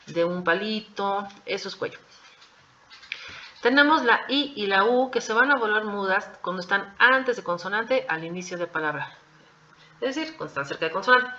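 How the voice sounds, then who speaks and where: A woman gives a patient language lesson, repeating each word and pausing to check her students follow. Her voice is bright and forward. The recording is dull and lo-fi. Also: medium pitch. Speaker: Japanese language teacher. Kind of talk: classroom explanation.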